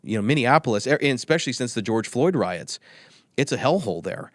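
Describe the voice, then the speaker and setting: A man guesting on an interview podcast, heard close and dry with no room sound. His pitch is average for a man. He argues in an emphatic, insistent way and circles back to the same points again and again. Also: animated, fairly quick, no echo. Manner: emphatic, repetitive, argumentative. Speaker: guest, tech company executive. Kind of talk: opinionated interview talk.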